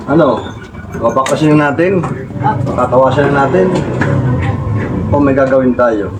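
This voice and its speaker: Soothing folk healer man over loud traffic. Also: mid-range voice, unhurried. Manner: soothing, coaxing, keeps asking short questions. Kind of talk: treating a patient on camera while talking to viewers. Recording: loud vehicle noise behind.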